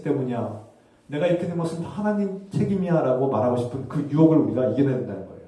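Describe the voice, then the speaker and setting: A man's voice: medium pitch, dark tone. A male pastor preaching a Sunday sermon, earnest and questioning, often asking the congregation rhetorical questions. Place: church sanctuary. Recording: very echoey hall, heard from a distance.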